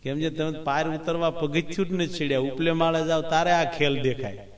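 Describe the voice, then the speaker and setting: A man delivers a devotional discourse in a chatty, questioning way. His voice sits a little high. The recording is distant and echoey, as if the mic was set back in a reverberant room. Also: steady tone, normal speed. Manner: conversational, asks listeners "understood?". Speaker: religious speaker.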